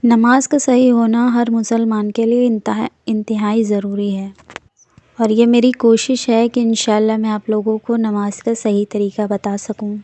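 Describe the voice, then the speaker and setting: A woman giving a religious lesson, earnestly correcting common mistakes and slowing down to spell out recited phrases. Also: fairly high pitch, level tone, warm tone, no room sound. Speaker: religious teacher. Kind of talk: instructional talk on prayer.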